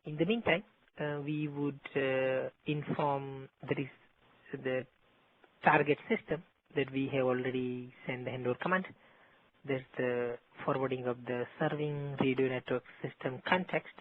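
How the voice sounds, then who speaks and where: A man of middling pitch teaches a technical class, walking through each step in a methodical way. His voice comes through a landline phone, tinny and narrow. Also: fairly even intonation, measured pace, no echo. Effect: heard over a landline phone. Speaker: instructor. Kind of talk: technical training lecture.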